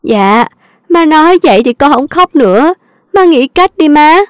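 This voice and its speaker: A woman's voice: high-pitched, animated, a little slow, no room sound, studio quality. A woman with a Southern Vietnamese accent voicing a scheming young daughter-in-law who whines and pleads. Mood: tearful pleading. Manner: whiny, pleading. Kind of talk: audio drama reading.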